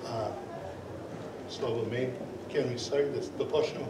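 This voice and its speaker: A native Serbian speaker with a Serbian accent chairs and opens a conference session, halting often with fillers and restarts. His medium-pitched voice keeps a steady tone. He uses a portable microphone in an echoey conference hall, recorded from far off with noise.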